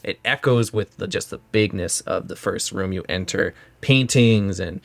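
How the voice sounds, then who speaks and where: A man's voice: low voice, normal speed, gravelly. A man narrating as game master, describing scenes in a rambling way with many fillers.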